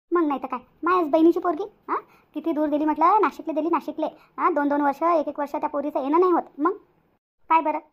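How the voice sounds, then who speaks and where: A chatty village auntie. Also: female voice, very high-pitched, dull audio. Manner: rustic dialect, keeps asking "hã?". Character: chatty, bossy older village woman neighbor.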